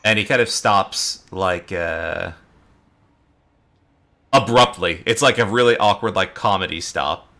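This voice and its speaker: A man narrating a tabletop game as game master, in a relaxed storytelling manner with many fillers. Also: low-pitched, a little slow, vocal fry, long pauses.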